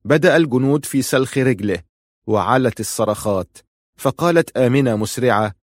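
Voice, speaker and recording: A man reading a novel aloud in steady, measured scripted narration. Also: medium pitch, no room sound, studio quality.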